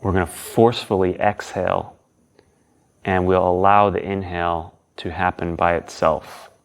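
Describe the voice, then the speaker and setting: A man's voice: low voice, level tone, unhurried. A man teaching a guided breathing lesson as an instructor, with casual, informal phrasing.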